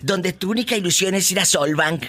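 A Mexican woman hosting a comic call-in radio show, grandiose and theatrical, breaking into booming shouts. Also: brisk.

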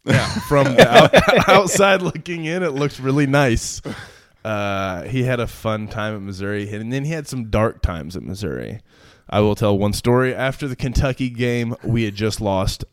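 A man's voice: mid-range voice, lively intonation, normal speed, no echo, studio quality. A young man in his twenties, a pro football player, chatting casually and telling stories with lots of fillers and laughs. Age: 20s. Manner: laid-back, many fillers, laughs while telling stories. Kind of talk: casual chat, storytelling.

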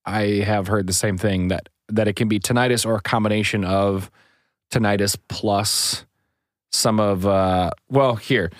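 A man's voice: lowish voice, steady tone, measured pace, no room sound, studio quality. A man co-hosting a podcast in casual chat, joking and a bit self-deprecating. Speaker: podcast co-host.

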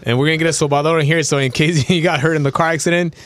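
A man's voice: fairly high pitch, steady tone, very fast, no room sound. A man co-hosting a casual chat in chummy slang, dropping in bits of Spanish. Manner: chummy, slangy, says dude often. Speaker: podcast co-host.

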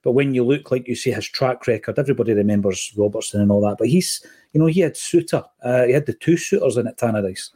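A man's voice: mid-range voice, quick pace, slightly rough. A man with a Scottish accent, co-hosting a podcast and telling football stories in casual chat. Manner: storytelling, animated when quoting others. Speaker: podcast co-host.

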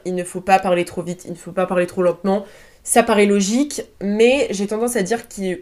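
A young woman hosts a solo podcast from a chair at home, speaking into a desk mic. Her talk is chatty and loose, full of slang, asides and little fillers, with a mid-range voice. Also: mid-range voice. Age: young adult. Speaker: podcast host. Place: room at home, seated on a chair.

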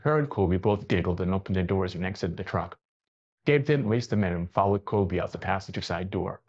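A man narrating a story aloud in a plain, steady reading manner, on a dull lo-fi recording. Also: sits low, brisk.

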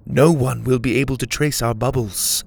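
A man's voice: mid-range voice, fairly even intonation, normal speed, vocal fry, darkish tone. A man voicing a stern, proud young woman pilot in a storybook reading, curt and commanding. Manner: curt, authoritative.

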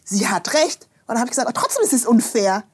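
Husky-voiced woman telling stories. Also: fairly high pitch, fast. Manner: lively storyteller, acts out quoted dialogue, frequent tag questions. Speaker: podcast guest. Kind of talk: casual podcast conversation.

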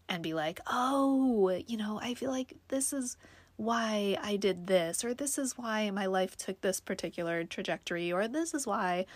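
A young woman with a medium-pitched voice, recorded without echo, talks casually to her viewers in a personal vlog. Stuffed up from allergies, she's reflective and full of ums and likes.

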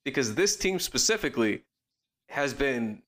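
A man co-hosting a podcast, talking casually about basketball in a quick, rambling way with lots of fillers and restarts. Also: medium pitch, very animated, a bit bright. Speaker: podcast co-host. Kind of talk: casual sports chat.

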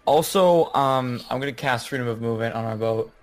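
Medium-pitched man bantering at a game table. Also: fairly quick. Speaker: tabletop role-playing player. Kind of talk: casual in-character table banter.

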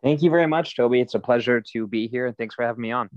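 A man's voice: mid-range voice, rapid-fire, no room sound. Man telling his story, dry lo-fi sound. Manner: relaxed storytelling, frequent fillers. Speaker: guest, nonprofit founder. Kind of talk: conversational interview answers.

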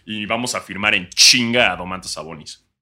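A man's voice: lowish voice, moderate pace, pushed and bright. A young man with a Mexican accent co-hosting a casual sports podcast, joking crudely and swearing freely while recording remotely from home. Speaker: podcast co-host.

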